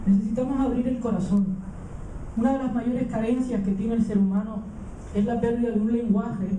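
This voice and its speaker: A man's voice: very high voice, fairly even intonation, fairly quick, warm tone, a little hiss or hum. Hesitant man speaking in a roomy hall. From Canary Islands, raised in Venezuela. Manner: hesitant, many fillers and restarts. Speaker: conference speaker. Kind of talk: live conference talk. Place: conference hall. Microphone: handheld mic held away from the mouth. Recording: roomy hall, distant mic, dull sound.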